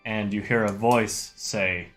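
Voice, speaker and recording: Slow-paced male game master. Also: lowish voice, fairly even intonation, a bit bright, faint music behind. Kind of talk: improvised tabletop game narration.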